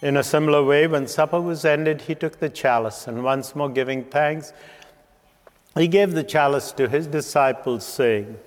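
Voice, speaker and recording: Solemn priest praying in echoing church reverb. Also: male voice, on the high side. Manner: solemn, measured phrasing. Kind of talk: liturgical prayer recitation. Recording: long cathedral-like reverb.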